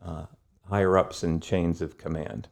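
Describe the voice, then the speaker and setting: A middle-aged man, a guest historian, telling history in a thoughtful, storytelling way with pauses and fillers. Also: deep voice, flat delivery, vocal fry, a little mellow. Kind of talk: conversational history lesson.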